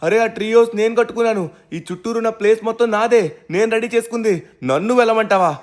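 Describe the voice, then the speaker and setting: A man voicing a hard-working young hero who narrates to viewers and flares up fast, in a game role-play dub. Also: a little high, steady tone, natural voice. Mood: angry. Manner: talks straight to viewers, quick to anger. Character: hard-working young man defending his tree house. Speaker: main character and narrator.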